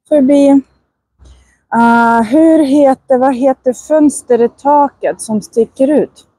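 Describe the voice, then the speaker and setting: Woman language teacher, Russian-native, slow careful diction, mellow breathy voice, dry close sound, walking outdoors. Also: a little high, no room sound. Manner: slow careful enunciation, frequent laughs. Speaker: Swedish teacher. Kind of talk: casual walking vlog. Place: outdoors on a residential walk.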